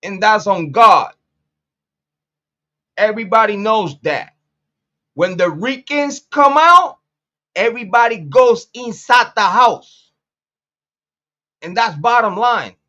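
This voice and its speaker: A Puerto Rican man in his late forties hosts a casual commentary monologue, blunt and profane, repeating phrases for emphasis. His high, bright voice is expressive and forceful, delivered slowly with long pauses. The audio sounds dull.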